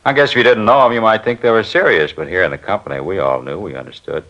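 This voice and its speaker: A muffled old radio recording captures an actor with a low, slightly bright voice speaking quickly. He plays a chatty film studio worker who rambles through his stories as a witness in a 1950s radio crime drama.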